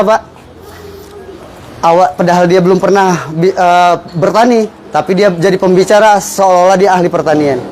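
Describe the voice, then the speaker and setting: A man giving an informal motivational business pitch, persuasively explaining and punctuating his points with rhetorical questions. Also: a little mellow. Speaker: business presenter explaining a fertilizer sales strategy.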